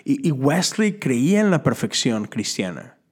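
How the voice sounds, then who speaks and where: A man's voice: medium pitch, big pitch swings, unhurried, husky. Chatty preacher man. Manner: chatty, full of rhetorical questions and asides. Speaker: Methodist preacher. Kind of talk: conversational sermon.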